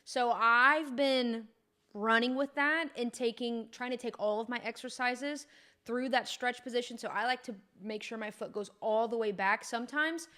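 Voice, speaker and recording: A woman's voice: a little high, normal speed, sharp tone. A young woman fitness coach explaining gym technique in a chatty, upbeat, informal way. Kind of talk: casual instructional talk.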